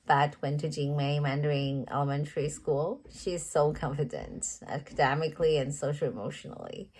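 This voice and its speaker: This teacher interview candidate, a native Chinese speaker, has a low, husky female voice. Her rehearsed interview answers come out earnest and measured, full of restarts and self-corrections, over a constant hum of background noise.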